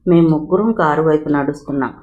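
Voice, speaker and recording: A woman's voice: deep voice, fast talker, a little mellow, highs cut off. Woman reading a novel aloud, emotive. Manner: emotive first-person reading. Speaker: storyteller. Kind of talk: audiobook narration of a novel.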